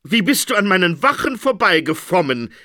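Man playing whiny henpecked king, flustered, sighing, bright voice, wildly swinging pitch. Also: very animated, moderate pace, dry recording, studio quality, full character voice. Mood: indignant.

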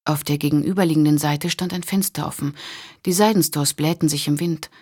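A woman narrating an audiobook in a calm, even storytelling manner. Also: sits low, a little fast, breathy edge.

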